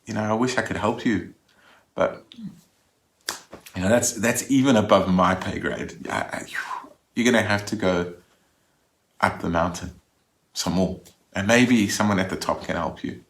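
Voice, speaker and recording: A tired, regretful mystic in a spoken parable, as a preacher puts him on. He has a lowish male voice and a slow, sighing delivery. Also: a bit bright, reverberant. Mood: weary. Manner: weary, regretful. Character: weary, sighing male mystic higher up the mountain.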